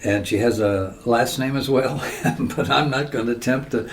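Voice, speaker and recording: A man hosting a casual interview chat, talking in a halting, rambling way. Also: mid-range voice. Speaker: podcast host.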